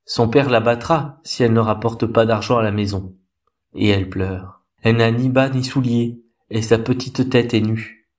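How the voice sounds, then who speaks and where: Prince de conte, grave et compatissant, un homme lui prêtant sa voix sur un rythme lent et solennel. Ses ordres restent doux mais fermes. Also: male voice, mid-range voice, fairly even intonation, recorded from a distance, lightly acted. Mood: solemn. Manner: slow, solemn, commanding. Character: noble, compassionate golden prince statue, male.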